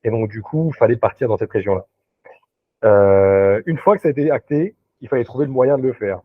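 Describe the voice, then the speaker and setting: Over dry, tinny video-call audio with no echo, a male recruiter talks as a casual interview guest. His mid-range voice is brisk, though he hesitates and restarts often, with plenty of fillers.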